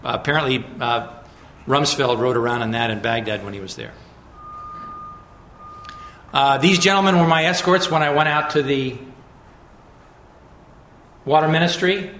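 A man giving a public lecture with slides, in a measured, emphatic way with frequent restarts and fillers. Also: medium pitch, a bit bright, roomy sound, slight background noise.

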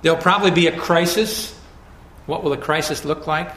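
A man giving a public lecture with slides, in a measured, emphatic way with frequent restarts and fillers. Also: a little high, fairly bright tone, roomy sound.

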